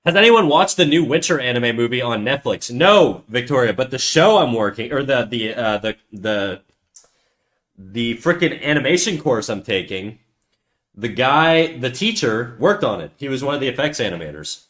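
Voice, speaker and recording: A medium-pitched, fairly bright male voice with lively intonation moves at a moderate pace. He is an artist chatting on a livestream as he draws, and his talk is rambling, profane and self-deprecating, with lots of restarts.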